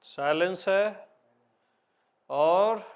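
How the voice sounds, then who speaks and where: A man leading a satsang, talking slowly, repeating short teachings and asking his listeners to answer. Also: sits high. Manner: slow, repeating, questioning listeners. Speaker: spiritual teacher.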